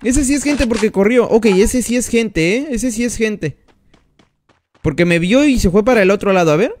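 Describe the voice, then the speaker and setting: A man's voice: high voice, expressive, normal speed, a little mellow, a little hiss or hum. A man commenting on his mobile gameplay during a live stream, chatting and greeting each viewer by name as he plays. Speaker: gaming streamer.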